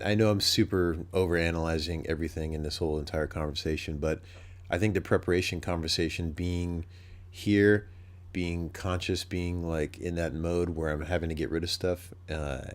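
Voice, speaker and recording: A man with a nasal voice hosting a podcast, rambling thoughtfully and thinking aloud in a casual solo talk. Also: sits low. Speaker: podcast host.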